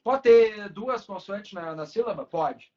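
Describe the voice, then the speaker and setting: A man teaches an online Portuguese class casually, checking in with students often through frequent tag questions. His voice is high, animated, slow and warm, captured on a dull lo-fi recording.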